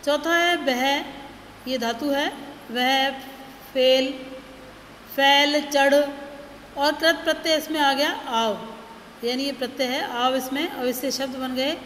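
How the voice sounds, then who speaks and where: A high-voiced woman teacher talks slowly through a grammar lesson, reading out each word with care. Her voice rings around an echoey room with a long reverb tail, over faint background noise. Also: steady tone, fairly bright tone. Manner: slow, deliberate, lists words one by one. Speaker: school teacher.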